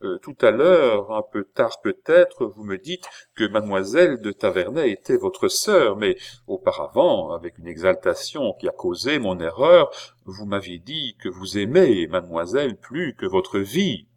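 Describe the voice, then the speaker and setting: Reading an audiobook, a man with a fairly low, very animated voice speaks unhurriedly as he plays a desperate young nobleman. The character pleads in impassioned bursts, sobbing as he begs.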